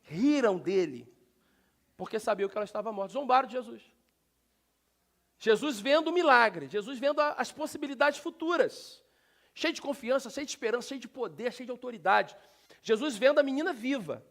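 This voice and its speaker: Brazilian pastor, male, very high-pitched, lively preaching to his church. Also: moderate pace, pauses often. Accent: Brazilian Portuguese. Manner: preaching with sudden loud shouts; animated, talks directly to the congregation. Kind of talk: sermon. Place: church sanctuary.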